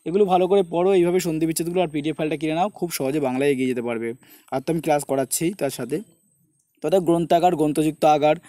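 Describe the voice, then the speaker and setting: Male exam tutor, West Bengal Bengali accent, high, soft-toned voice, slows down to drill each word split. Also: fairly even intonation, no room sound, studio quality. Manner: repetitive coaching, keeps saying look and notice. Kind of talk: online lesson with screen walkthrough.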